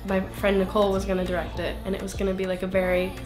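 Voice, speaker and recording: A woman's voice: mid-range voice, monotone, quick pace, reverberant, over music. A young woman in her twenties, a singer being interviewed, talking in a rambling, self-interrupting way with lots of fillers. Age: 20s. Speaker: singer-songwriter guest. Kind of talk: casual interview.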